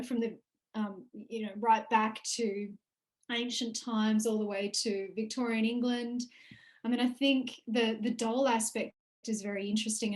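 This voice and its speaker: A woman's voice: a little high, darkish tone. A woman researcher speaking on an online panel over a video call while recovering from flu, earnest and full of ums.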